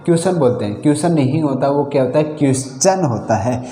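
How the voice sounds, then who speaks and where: A man's voice: medium pitch, animated, fast, mellow. A male teacher giving an English pronunciation lesson in Hindi. He spells words out letter by letter, then asks and answers his own questions. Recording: echoey room with long reverb.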